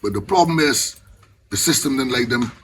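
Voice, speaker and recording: A man's voice: medium pitch, expressive, normal speed, crowd noise. Caribbean elder man in Rasta speech. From the Bahamas. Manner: Rasta speech, with patois phrasing and I-and-I idiom. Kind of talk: impassioned informal reasoning.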